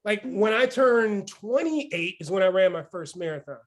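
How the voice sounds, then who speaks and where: Speaking at a moderate pace in a high voice, an energetic man of about fifty hosts a morning motivational talk, repeatedly asking "right?" to check in with his audience.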